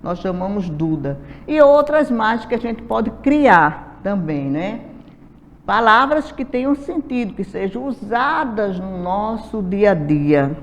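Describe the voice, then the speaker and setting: A woman teacher from Brazil giving a slow classroom lesson, sounding out syllables and letters one by one with patience. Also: medium pitch, sing-song. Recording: dull lo-fi audio, faint hiss, reverberant room.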